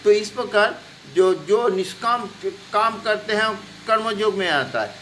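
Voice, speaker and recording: Slow, halting man lecturing on yoga. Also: high voice, animated, fairly bright tone, a little hiss or hum. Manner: halting, many fillers and restarts, lists terms one by one. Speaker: yoga teacher. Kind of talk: unscripted spoken lecture.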